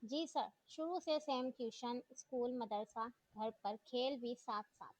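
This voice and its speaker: A woman voicing a gentle, timid college girl who speaks in a soft, soothing tone. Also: a little high, fairly even intonation, slow, no echo. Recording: dull dry lo-fi recording.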